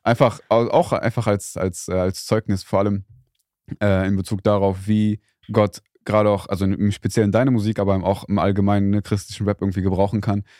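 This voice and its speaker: A man's voice: lowish voice, level tone, brisk, a little mellow, dry recording, clean studio sound. A young man co-hosting a casual faith podcast, talking in a rambling, hesitant way with many fillers. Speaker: podcast co-host.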